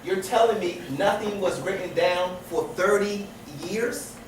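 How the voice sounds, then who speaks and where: Lecturing to a class a little slowly, this man has a voice that sits high; he repeats himself, restarts phrases, and throws out rhetorical questions. Far-off noise carries through the echoey room.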